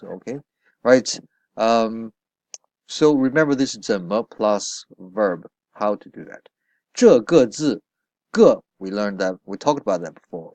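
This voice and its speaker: Male language teacher, unhurried and low-pitched, patient casual explaining with frequent check-ins, dry close sound. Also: darkish tone, no echo. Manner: patient, with frequent "right?" and "uh" fillers. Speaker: Chinese teacher.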